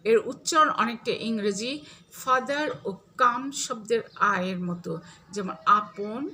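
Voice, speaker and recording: A woman teacher giving a slow, patient grammar lesson, listing examples one word at a time. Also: a little high, lively intonation, sharp tone, a little hiss or hum.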